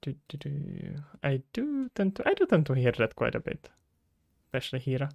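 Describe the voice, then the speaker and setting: A gravelly, darkish-toned man swings hugely in pitch around a medium center, speaking at normal speed in a dry recording. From the Czech Republic and Czech-accented, he streams game development, musing aloud and casually answering chat questions as he works.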